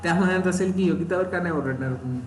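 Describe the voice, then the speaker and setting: High-voiced man teaching a tech class. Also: fast. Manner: questioning students, repeating key terms. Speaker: instructor. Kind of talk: live technical class explanation. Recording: roomy echo, faint background noise.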